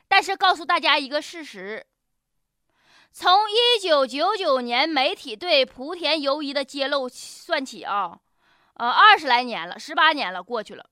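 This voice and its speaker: A radio show host with a Northeastern Chinese accent delivers comedic news commentary in a colloquial, joking, exaggerated style. Her voice sits high with a sharp tone, recorded dry in a clean studio.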